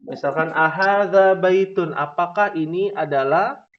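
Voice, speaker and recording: A man teaching a class, asking questions slowly and tagging many lines with "ya". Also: high-pitched. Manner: drawn-out questioning, frequent "ya" tags. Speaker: Arabic teacher. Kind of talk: classroom lesson. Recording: dull lo-fi recording.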